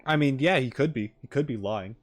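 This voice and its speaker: A man reacts to game content on a livestream in an animated, medium-pitched voice, speaking a little fast. He jokes with viewers, wanders off topic, and restates points often. Soft music plays behind him, with no room sound.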